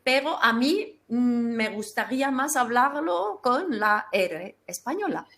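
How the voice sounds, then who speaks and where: A middle-aged woman from Belgium, a guest in an interview, talking casually and thoughtfully, often pausing with fillers. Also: high voice, lively intonation, a bit bright. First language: not Spanish. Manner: thoughtful, searching for words with many fillers.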